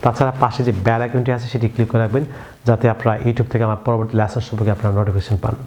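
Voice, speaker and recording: A man's voice: mid-range voice, level tone, racing, dark tone, lo-fi sound. A man with a Bengali accent teaching English pronunciation, drilling words one by one and having viewers repeat after him, over faint background noise. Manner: addresses viewers again and again. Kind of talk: YouTube language lesson.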